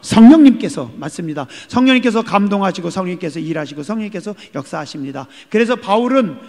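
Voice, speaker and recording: A male pastor preaching a sermon, firing questions at the congregation and swinging between loud calls and hushed words. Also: sits high, lively intonation, quick pace. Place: church sanctuary. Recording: long hall reverb.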